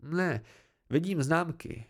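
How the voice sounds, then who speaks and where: A man reading an audiobook, voicing a gentle, curious young woman warrior in a soft, earnest, lightly raised voice. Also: on the high side, expressive.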